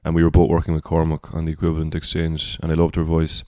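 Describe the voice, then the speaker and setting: A baritone singer-songwriter from Cork, Ireland, with a Cork Irish accent, is a guest on a relaxed podcast. He speaks quickly in a reflective, rambling way, thinking aloud as he goes. The audio is studio quality with no echo.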